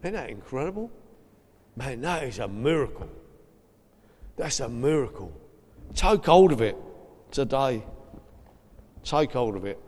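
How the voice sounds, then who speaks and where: A man's voice: mid-range voice, big pitch swings, measured pace, long pauses, darkish tone. Man, South East London accent, pastor, chatty emphatic sermon, repeats phrases, reverberant hall. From England.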